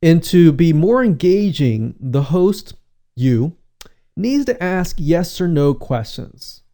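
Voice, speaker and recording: A man coaching on webinars in a relaxed, conversational teaching tone, often repeating his points and asking rhetorical questions. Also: on the high side, takes it slowly. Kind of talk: instructional talk.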